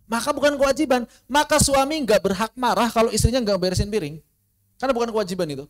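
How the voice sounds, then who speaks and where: A man teaching an informal religious lesson online, asking rhetorical questions and swinging between quiet asides and animated emphasis. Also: extremely high pitch, fast talker. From Indonesia. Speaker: Islamic studies teacher. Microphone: online class recording.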